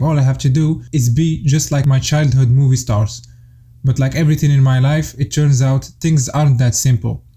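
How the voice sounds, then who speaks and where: A young man from Morocco talks through a scripted commentary in a steady, explanatory way. His voice is very dark and mellow. He sits at middle pitch and lays out his points in order, like a list. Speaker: YouTube commentator.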